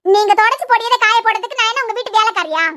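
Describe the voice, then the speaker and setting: Woman doing a young wife, curt and sarcastic, Kanyakumari Tamil accent, fast, dry sound. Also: extremely high pitch, sharp tone, no room sound. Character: sulky sharp-tongued young wife. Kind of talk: cartoon web series voice acting.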